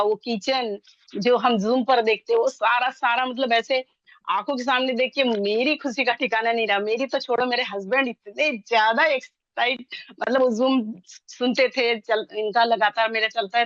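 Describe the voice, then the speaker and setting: An older woman in her sixties pours out an excited personal testimonial, rushing ahead and breaking off into restarts. Her voice sits a little high. The sound is dull and dry, with no room at all. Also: no room sound. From India. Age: 60s. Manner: fast, excited, rambling speech with many restarts. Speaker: interviewee sharing her story.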